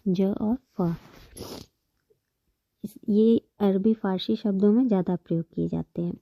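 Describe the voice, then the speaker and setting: A woman's voice: mid-range voice, a little slow, creaky, lo-fi sound. A woman teaching a Hindi grammar lesson, patiently explaining terms, repeating them and counting examples aloud.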